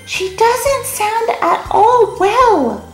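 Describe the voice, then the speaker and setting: Woman doing a bright, sing-song little girl. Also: very high voice, animated, drawn-out words, voice pushed up, exaggerated voice. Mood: fond. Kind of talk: storybook narration. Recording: roomy echo, soft music behind.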